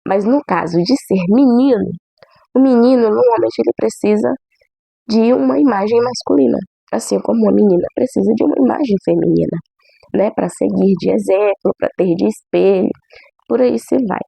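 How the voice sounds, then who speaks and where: Young Brazilian woman with a cold: husky, hoarse, chatty testimony, dry close recording. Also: medium pitch, moderate pace, mellow, no echo. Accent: Brazilian Portuguese. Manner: chatty, many "né?" tags. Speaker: church member giving testimony. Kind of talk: casual testimony to camera.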